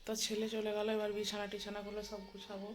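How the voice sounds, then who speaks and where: A woman in her thirties narrating a casual home vlog as a mother, chatty and full of fillers, often speaking softly indoors. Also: mid-range voice, monotone, quick pace, faint music behind, poor audio. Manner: chatty, filler-heavy, talks softly at times so the baby keeps sleeping. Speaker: vlogger and mother. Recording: home recording with clear background noise.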